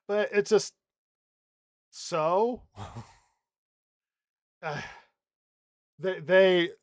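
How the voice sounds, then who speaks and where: Podcast host man, sarcastic, jokey, slightly high voice, dry close sound. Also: extremely slow, pauses often, no echo. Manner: sarcastic, jokey, laughs often. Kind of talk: casual chat.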